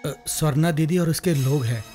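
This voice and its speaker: An actor dubbing a fearful informant in a film, speaking in a deferential, anxious way. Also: male voice, fairly high pitch, normal speed, dark tone, faint music behind, lightly acted. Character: nervous male informant, respectful and fearful. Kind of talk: Hindi film dub.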